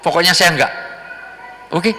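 A man voicing a boastful young liar who dodges blame with high excited exclamations. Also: unhurried, faint music behind. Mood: evasive. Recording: echoey hall.

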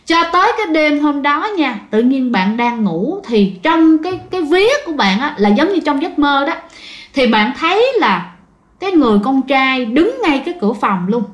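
A woman's voice: high-pitched, big pitch swings, moderate pace. A woman with a Southern Vietnamese accent hosting a ghost story show, telling the tale in a chatty way and speaking straight to her listeners. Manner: chatty, addresses listeners directly. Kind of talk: casual spoken storytelling. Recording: roomy echo.

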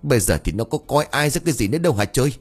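A man's voice: mid-range voice, expressive, racing, breathy edge, pitched above the performer's own voice. A man voicing a shrewish, jealous older first wife who scolds shrilly and wails theatrically. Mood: wailing. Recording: faint background music.

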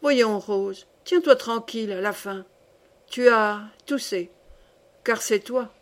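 Casting: woman reading a worn-out, teasing man for an audiobook, low and resigned. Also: takes it slowly. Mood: mocking. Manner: tired, resigned, lowered voice. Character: weary, mocking man in bed.

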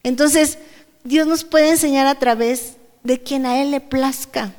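A Mexican woman preaches to her congregation in a relaxed, conversational way. She keeps asking them questions as she goes. Her voice sits high, and a long reverb trails behind her words. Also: unhurried. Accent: Mexican Spanish. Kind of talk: sermon. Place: church service hall. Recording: reverberant church hall.

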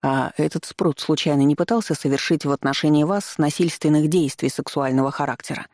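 A reader voicing a tired, skeptical male police investigator who speaks flatly and with resignation. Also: medium pitch, fairly quick, close to an everyday voice. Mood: weary.

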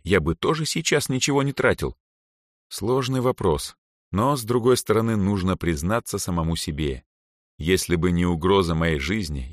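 A man narrating a fantasy audiobook in first person, calm and dryly ironic. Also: fairly low pitch, no room sound, studio quality.

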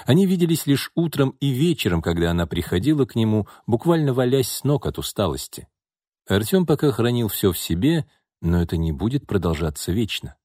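A man narrating an audiobook in an expressive, scripted reading. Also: mid-range voice, brisk, no room sound, studio quality.

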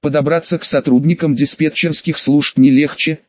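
Higher-voiced man reading an audiobook. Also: fairly even intonation, normal speed, a little mellow, no echo, lo-fi sound. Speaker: audiobook narrator. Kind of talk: scripted narration.

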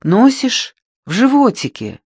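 A man reading the part of a gentle, remorseful young man who speaks in a hesitant, subdued way. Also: very high voice, huge pitch swings, measured pace, husky, no echo, studio quality, pitched above the performer's own voice, full character voice. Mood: troubled.

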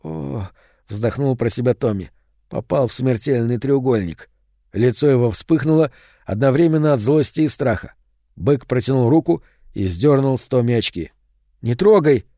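Мужчина читает аудиокнигу ровным повествовательным голосом средней высоты. Запись сухая, близкая, без отзвука комнаты. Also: male voice, mid-range voice, moderate pace, dry recording, studio quality. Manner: steady storytelling. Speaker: audiobook narrator. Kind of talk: scripted audiobook narration.

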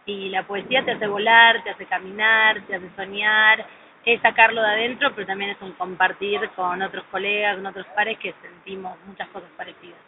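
A woman's voice: mid-range voice, little pitch movement, moderate pace. A woman, a poet giving earnest, lyrical answers in an interview. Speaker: poet guest. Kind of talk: casual interview. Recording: tinny phone-like sound, clear noise.

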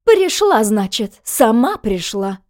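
Lady doing a shrieky high sly landlady from an audiobook, nasty then all honey. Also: steady tone, a little fast. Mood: shrieking. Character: scheming shrill middle-aged landlady, two-faced.

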